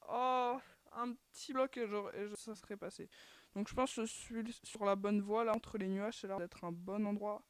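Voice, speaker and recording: Female gaming host with a dry, close sound and middling pitch, talking casually and hesitantly while she plays. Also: fairly even intonation, normal speed, smooth, no echo. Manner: chatty, filler-heavy, keeps sighing "too bad" at failed attempts. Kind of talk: casual gameplay commentary.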